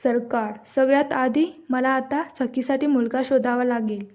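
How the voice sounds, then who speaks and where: A domineering rich matriarch who snaps out orders and schemes, as a woman reads her part. The voice is high-pitched yet mellow, commanding throughout. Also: steady tone, moderate pace, close to an everyday voice.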